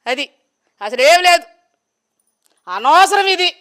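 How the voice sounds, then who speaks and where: Woman from andhra arguing back at a reporter, sarcastic and defiant, high sharp voice. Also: sing-song, slow pace. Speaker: interviewee on the street. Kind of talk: street vox-pop interview.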